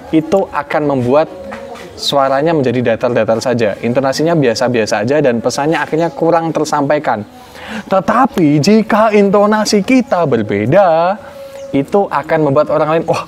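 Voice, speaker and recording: Young adult Indonesian man, slightly high voice, expressive tutorial presenter who plays with his intonation. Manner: lively, exaggerated intonation and expressions. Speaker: public speaking trainer. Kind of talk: online tutorial talk.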